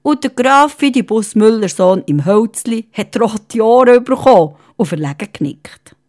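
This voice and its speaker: A woman tells a fairy tale with a Swiss German accent. Her narration is playful and expressive, and her pitch moves widely. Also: moderate pace. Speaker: storyteller.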